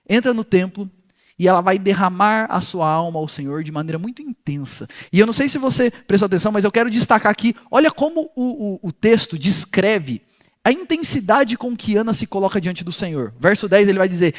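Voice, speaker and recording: Guy with a pretty high voice doing a bible study, lively storytelling, talks right to the folks listening. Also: fairly quick. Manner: animated storytelling, acting out the people in the story; speaks directly to listeners as "gente". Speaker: pastor teaching a Bible study. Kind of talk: devotional Bible teaching.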